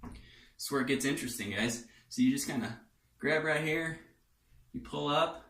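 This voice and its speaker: A man's voice: medium pitch, normal speed, a bit bright. Joking man in an echoey bathroom. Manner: joking, rambling, thinks aloud while working. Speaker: vlogger demonstrating a shave. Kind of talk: casual how-to chat. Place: home bathroom. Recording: echoey bathroom, far from mic, faint music.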